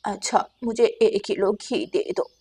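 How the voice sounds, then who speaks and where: A grumpy old grandmother sparrow, voiced by a woman in a cartoon, a thrifty, stubborn mother-in-law. She talks in a quieter, lower tone than the others and grumbles. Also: steady tone, a little slow, husky. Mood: chatty. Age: older.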